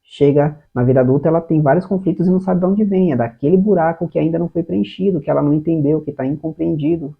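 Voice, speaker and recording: A man's voice: fairly high pitch, fast, creaky, hardly any pauses, breathy edge. A man with a Brazilian Portuguese accent, a therapist giving earnest parenting advice straight to the viewer. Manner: earnest, explanatory, addresses the viewer directly. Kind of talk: self-help talk to camera. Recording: narrow phone-like sound.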